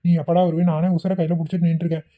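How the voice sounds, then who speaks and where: A woman's voice: lowish voice, level tone, very fast, warm tone, close to an everyday voice. A woman voicing a kindly elderly man in a cartoon who frets while minding a crowd of children. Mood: flustered. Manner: fretful, flustered. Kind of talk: cartoon voice acting.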